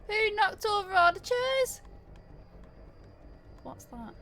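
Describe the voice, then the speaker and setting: A woman with a Mancunian accent chatting casually while playing a game, excitable, with loud outbursts and swearing. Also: very high-pitched, slow. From Manchester, England. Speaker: streamer.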